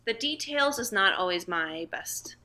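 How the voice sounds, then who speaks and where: A woman's voice: mid-range voice, expressive, measured pace, sharp tone. A woman chatting casually as a podcast co-host, joking dryly at her own expense. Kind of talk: casual chat.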